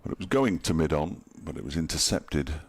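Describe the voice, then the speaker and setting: Very deep-voiced cricket commentator. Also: male voice, expressive, fairly quick, breathy edge, no echo. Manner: dry, wry and chatty, chuckles at his own jokes. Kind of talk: ball-by-ball radio-style commentary.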